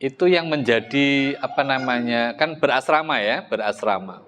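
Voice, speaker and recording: A man's voice: medium pitch, moderate pace, fairly bright tone, a little hiss or hum. A middle-aged man with an East Javanese accent giving a religious study lecture in a mosque, talking conversationally and asking his listeners rhetorical questions. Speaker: Islamic religious teacher.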